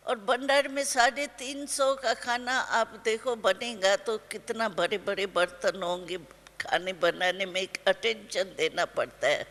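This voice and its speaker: An older woman teaching a spiritual class, telling a story gently and slowly with homely everyday examples. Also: on the high side. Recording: long hall reverb.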